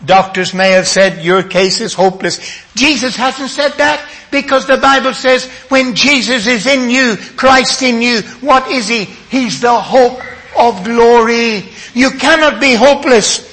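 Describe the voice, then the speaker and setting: An older man preaching a sermon, dramatic, dropping to a hush and then rising to emphatic appeals. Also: extremely high pitch, measured pace. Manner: dramatic, swinging from hushed to emphatic.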